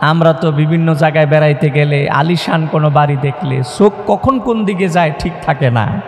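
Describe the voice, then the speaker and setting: A man's voice: fairly high pitch, brisk. A man preaching a sermon to a gathering, impassioned and rhythmic, often asking the crowd to agree and sometimes chanting verses. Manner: addresses audience repeatedly, asks for their agreement. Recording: echoey hall with long reverb.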